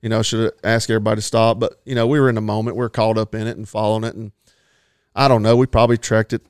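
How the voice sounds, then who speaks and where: A man's voice: fairly low pitch, level tone, rapid-fire, clean tone, dry recording, clean studio sound. A man telling a long hunting story in a rambling, folksy way, laughing at himself now and then. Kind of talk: casual storytelling.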